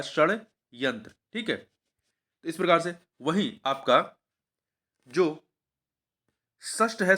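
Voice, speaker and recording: Higher-voiced man explaining exam answers. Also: pushed and bright. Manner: repeats each answer, quizzing the viewer. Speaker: teacher.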